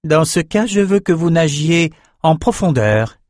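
A man's voice: a little high, lively intonation, unhurried, a little mellow, no room sound, studio quality, voice pushed up. A man voicing a bold, cold-blooded woman battle magician who gives curt orders in an audiobook. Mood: commanding. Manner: curt and commanding.

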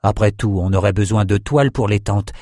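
A man narrating a dark fantasy novel in a steady, even reading voice. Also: on the low side, fairly quick, no room sound, clean studio sound. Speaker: audiobook narrator.

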